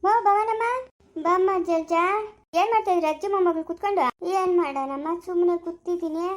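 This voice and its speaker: Woman, very high-pitched voice, lamenting, wailing, rural family drama acting. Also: a little fast. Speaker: actor playing an old grandmother.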